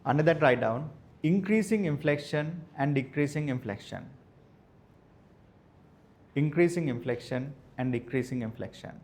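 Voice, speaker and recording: A male maths teacher, dictating lecture notes slowly and repeating each phrase so students can write it down. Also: fairly high pitch, lively intonation, a little mellow. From Sri Lanka. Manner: repeats phrases slowly for note-taking, spells words out.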